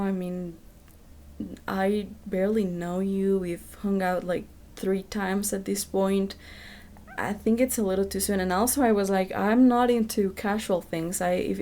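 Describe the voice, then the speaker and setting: A young woman with a mellow, relaxed voice tells a personal story straight to the camera. She rambles candidly, leans on fillers and "you know what I mean," and swears without a second thought. Her delivery stays at an ordinary middle pitch. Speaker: vlogger. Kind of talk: casual storytime monologue.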